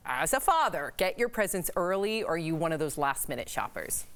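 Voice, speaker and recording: A woman's voice: low-pitched, sing-song, fairly quick. Woman, talk show co-host, upbeat, promotional. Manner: bright, promotional delivery.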